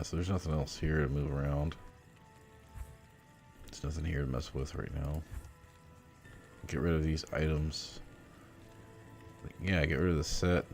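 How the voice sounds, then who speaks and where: A man's voice: very deep voice, a little mellow. A tired man streaming a game late at night, rambling through his plans with casual swearing and lots of fillers. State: sleepy, yawning. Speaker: gaming streamer. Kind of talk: casual gameplay commentary.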